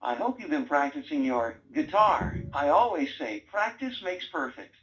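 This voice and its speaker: A man's voice: fairly high pitch, sing-song, normal speed, a bit bright, a little hiss or hum, poor audio. A man voicing a wisecracking male talking brain robot toy that teases its owner and gives quiz-style prompts. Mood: teasing. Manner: sarcastic, teasing, bossy quiz-style prompts. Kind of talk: toy voice lines.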